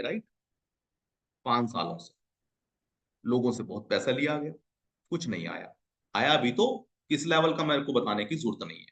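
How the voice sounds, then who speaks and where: A man giving a hyped, salesy screen-share pitch for an online business, constantly calling out to his viewers as friends. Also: a bit bright.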